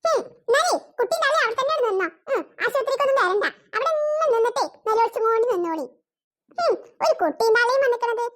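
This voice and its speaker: Give me a sharp-tongued older cartoon woman, voiced by a woman. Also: very high voice, expressive, fast. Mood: grumbling. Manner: scolding, nagging. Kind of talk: cartoon voice acting.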